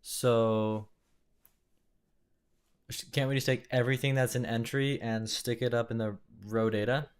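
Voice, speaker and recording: A young man thinking aloud while live-coding at his desk, musing and questioning himself in halting bursts. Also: mid-range voice, fairly even intonation, clear, resonant tone. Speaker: programmer live-coding a compiler. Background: keyboard typing and clicking.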